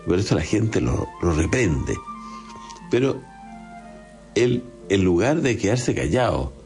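A man's voice: low voice, big pitch swings, takes it slowly, a little mellow, faint music behind. A man with a Chilean accent giving a conversational homily, often tagging his points with short questions. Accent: Chilean Spanish. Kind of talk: homily on a gospel passage.

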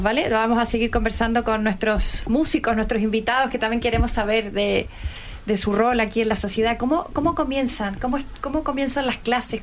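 A woman's voice: on the high side, a little hiss or hum. A woman hosting a live interview, prompting guests with questions and frequent affirmations. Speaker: interviewer host.

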